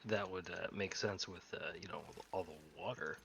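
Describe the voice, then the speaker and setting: A man's voice: deep voice, fairly even intonation, moderate pace, creaky, fairly bright tone. A man playing a tabletop game, chatting casually, on a slightly muffled microphone.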